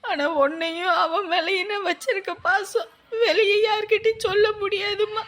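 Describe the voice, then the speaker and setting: A woman's voice: extremely high pitch, a bit bright. An actress playing a hot-tempered village mother, crying and lamenting for her child. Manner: sobbing lament.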